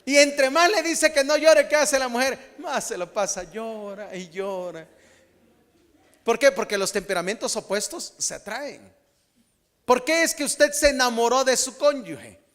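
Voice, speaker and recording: High-voiced pastor in a reverberant hall. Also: male voice, normal speed. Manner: animated, humorous preaching with acted-out quotes. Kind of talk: sermon.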